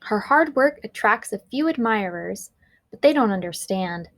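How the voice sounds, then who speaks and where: A woman reading a children's picture book aloud, expressive and deliberate, putting emphasis on the action words. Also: medium pitch, no echo. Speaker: read-aloud teacher.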